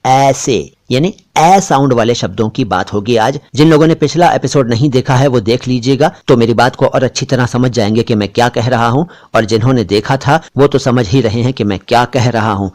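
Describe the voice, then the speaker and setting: A man teaching Hindi and Urdu diction, speaking slowly and deliberately and repeating each sound and word to demonstrate it. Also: mid-range voice, darkish tone. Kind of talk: pronunciation lesson. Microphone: studio voice-over for slide shows.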